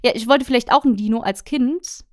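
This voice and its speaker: A young woman in casual chat, telling anecdotes in a lively, colloquial way with frequent tag questions. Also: on the high side, a little fast. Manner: chatty, animated, colloquial, many tag questions.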